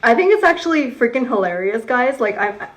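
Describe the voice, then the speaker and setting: A woman's voice: fairly high pitch, lively intonation, fairly quick. Chatty woman, apologetic. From California. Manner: chatty, apologetic, lots of fillers. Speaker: co-creator of a couple's channel. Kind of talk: casual chat to camera.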